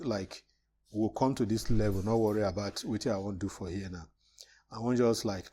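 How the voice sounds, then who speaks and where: A man's voice: fairly low pitch, a little mellow. A man with a Nigerian accent teaching an informal step-by-step computer lesson, repeating phrases as he explains. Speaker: tutor teaching a spreadsheet class. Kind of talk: informal step-by-step tutorial in Pidgin.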